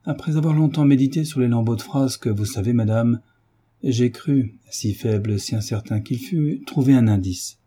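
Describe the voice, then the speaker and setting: A man with a dark, husky voice playing a measured, courteous gentleman. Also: mid-range voice, close to an everyday voice. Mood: grave. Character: earnest, tactful gentleman tutor.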